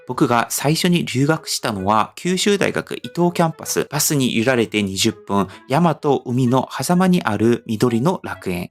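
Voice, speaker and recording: Animated young man narrating. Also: a little high. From Seoul, South Korea. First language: Korean. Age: young adult. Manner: animated storytelling, rhetorical lists. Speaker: vlogger. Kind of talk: scripted narration.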